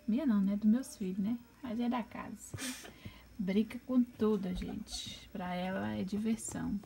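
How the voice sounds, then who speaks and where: A woman with a Brazilian Portuguese accent chatting casually in a home video, pointing things out and slipping into high baby talk for her pet bird. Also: moderate pace, gravelly, mellow, slight background noise.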